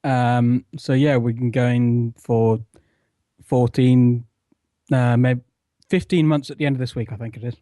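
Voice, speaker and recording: A laid-back man in casual conversation with a mellow, warm voice. He chuckles often and pauses on fillers as he talks from an armchair at home. The sound is dry, with no room echo. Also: mid-range voice, steady tone. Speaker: podcast guest, radio show admin. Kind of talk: casual chat.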